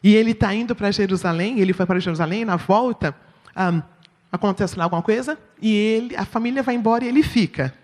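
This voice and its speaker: A woman's voice: medium pitch, fairly quick. A woman with a Brazilian Portuguese accent giving a sermon-style teaching talk at church, often checking in with her listeners. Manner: expressive, asks the audience "right?". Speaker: church speaker. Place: church hall. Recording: long reverb in a hall.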